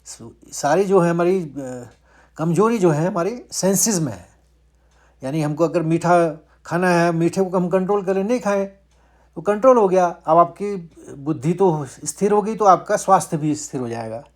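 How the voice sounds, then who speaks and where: A man teaching Sanskrit verse recitation, chanting each line slowly and higher before explaining it word by word. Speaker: Gita teacher. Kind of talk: slow Sanskrit recitation lesson.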